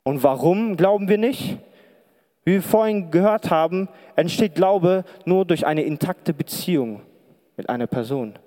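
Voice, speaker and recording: A preacher and pastoral counselor delivers a sermon from a lit stage before an audience in a large hall, speaking conversationally and firing one question after another at the crowd. His voice sits a bit higher than most men's and is expressive and warm, with a measured pace, and it rings out with a long reverb from the big room.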